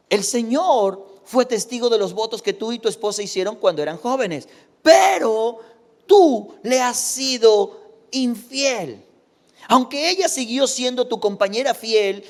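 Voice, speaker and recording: A man preaching a sermon as pastor, emphatic and full of rhetorical questions. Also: high-pitched. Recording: long hall reverb.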